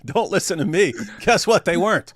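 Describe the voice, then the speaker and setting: A man's voice: high-pitched, animated, fairly quick, a bit bright. A man hosting a casual reaction commentary, rambling with restarts and laughs as he talks over video clips. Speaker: commentary show host.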